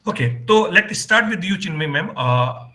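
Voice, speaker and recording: A man's voice: sits high, lively intonation, normal speed, pushed and bright, rough recording. Hesitant male lecturer. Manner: polite, hesitant, many fillers. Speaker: guest lecturer. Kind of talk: online lecture. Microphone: video call.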